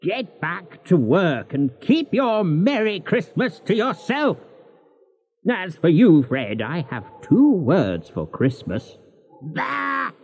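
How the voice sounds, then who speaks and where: Brief: wheezy old miser for an audiobook, slow and swooping, dull lo-fi audio. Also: male voice, high-pitched, huge pitch swings, creaky, a little mellow, breathy edge, voice pushed up, heavily acted. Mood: scornful. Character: miserly bitter old man, cold and scornful.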